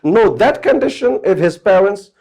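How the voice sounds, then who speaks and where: A man's voice: high-pitched, big pitch swings, moderate pace, darkish tone. A man teaching English grammar to a class of students. He explains step by step and keeps checking whether they understand.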